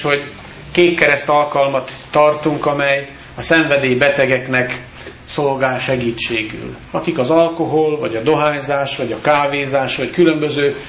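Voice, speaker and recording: A male pastor giving a solemn, measured baptism sermon with scripture readings in a church. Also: medium pitch, a bit bright, echoey room, dull audio, slight background noise.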